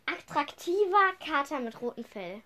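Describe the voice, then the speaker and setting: A woman's voice: high voice, very animated, normal speed, sharp tone. A young woman co-hosting a podcast in playful casual chat, reading clues aloud and laughing often. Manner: playful, bursts of laughter, reads descriptions aloud. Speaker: podcast co-host. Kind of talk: casual chat, quiz banter.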